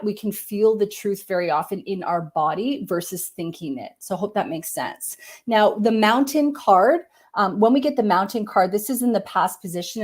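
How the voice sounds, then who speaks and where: A woman medium giving a live-stream reading, talking gently and searchingly, hedging with many likes and ums, and dropping to a soft murmur as she tunes in. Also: mid-range voice.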